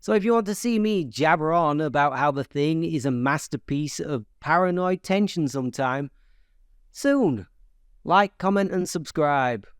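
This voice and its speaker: Male vlogger, a touch high-pitched, dry and close, tongue-in-cheek indignation. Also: lively intonation, a little slow, clean tone, no echo. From Yorkshire, England. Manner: mock-exasperated, playful. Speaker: movie review vlogger.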